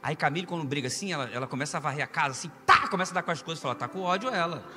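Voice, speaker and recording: Brazilian pastor, high bright voice, animated storyteller, long church reverb, soft music behind. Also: male voice, rapid-fire. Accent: Brazilian Portuguese. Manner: animated storyteller, rising to loud preaching. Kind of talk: humorous storytelling sermon. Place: church hall.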